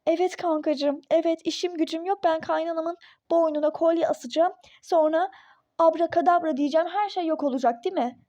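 A woman's voice: extremely high pitch, fairly even intonation, fairly quick, warm tone, no room sound, highs cut off. Woman voicing a fed-up young mother. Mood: exasperated. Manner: exasperated, snappish, sarcastic. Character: irritable young pregnant mother, fed up, skeptical. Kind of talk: phone-game role-play story.

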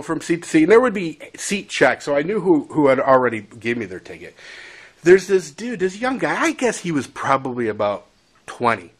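A man telling a casual story about his railroad days, rambling and chuckling with conversational asides. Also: fairly high pitch. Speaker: former railroad crew storyteller. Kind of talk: casual spoken anecdote.

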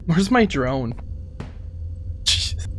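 A man's voice: fairly high pitch, big pitch swings, drawn-out words, background noise. A young man giving casual let's-play commentary, thinking aloud in a jittery, exclamatory way. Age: young adult. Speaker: gaming video host. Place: small indoor gaming setup.

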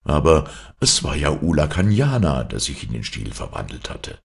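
Deep gravelly man reading a fairy tale. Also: big pitch swings, moderate pace. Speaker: storyteller. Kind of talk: audiobook fairy-tale narration.

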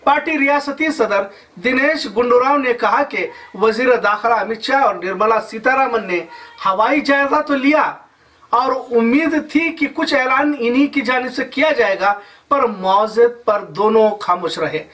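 A man's voice: very high voice, unhurried, fairly bright tone, distant mic. A man in his thirties reading a news report as anchor, with formal Urdu-flavored delivery in a studio.

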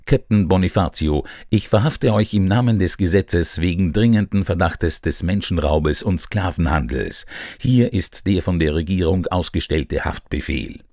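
A man's voice: low-pitched, lively intonation, measured pace, darkish tone, no echo, clean studio sound, voice pushed up. An actor voicing the famous detective as a commanding, authoritative man, declaiming his orders to a crew in an audiobook. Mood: stern. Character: commanding male detective confronting a ship's crew. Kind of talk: audiobook character voice.

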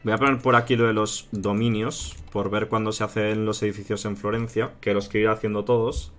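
A man with a Spain Spanish accent and a slightly low voice chats loosely to his viewers as he plays a strategy game. He reasons out loud, keeps calling his audience "tío", and the tapping of a keyboard is heard behind him. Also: little pitch movement, fairly quick, soft background music. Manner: chatty, thinks aloud, addresses viewers as "chicos" and "tío". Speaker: gaming youtuber. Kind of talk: casual strategy game let's play commentary.

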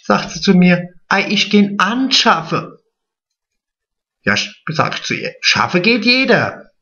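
A man puts on a vain, naive middle-aged woman, gossiping straight to the camera. Her voice is bright and swoops up and down, and she draws her words out slowly. The sound is dull and lo-fi, like a home video. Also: high voice, very animated, heavily acted. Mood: gossipy. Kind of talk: drag comedy monologue to camera.

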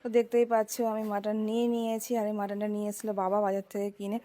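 A young woman with a heavy cold, speaking softly and chatting to viewers in a cooking vlog. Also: mid-range voice, level tone, very fast. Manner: chatty, addresses viewers directly. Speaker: vlogger. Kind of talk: casual cooking vlog narration.

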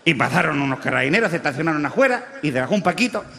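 A brash Chilean huaso with a high, bright voice. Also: male voice, lively intonation, very fast, creaky, slight background noise, full character voice. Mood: boastful. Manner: brash, crude slang, shouty punchlines. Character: crude rowdy rural Chilean huaso man running for mayor. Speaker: comedian in character. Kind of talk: stand-up character monologue. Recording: live stage with long reverb.

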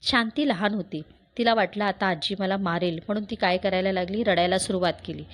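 A woman's voice: mid-range voice, brisk. A woman teacher reading a story aloud and explaining it, asking herself rhetorical questions as she goes.

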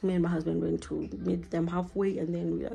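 Low gravelly woman vlogging. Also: flat delivery, fairly quick. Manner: chatty and rambling, talking to camera while doing chores. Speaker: vlogger and mother. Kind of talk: casual home vlog chat. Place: at home.

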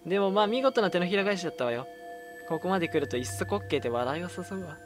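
A man's voice: sits high, quick pace. A man voicing a cold, sneering female villain. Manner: calm, sneering, taunting delivery. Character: cold mocking female villain, cruel and vengeful. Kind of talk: reading game dialogue aloud. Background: game music.

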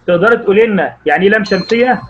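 A man with an Egyptian Arabic accent teaching young pupils online, encouraging them and quizzing them by name, stretching out words slowly as he reads. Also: sits high, muffled recording, slight background noise. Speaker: primary school Arabic teacher.

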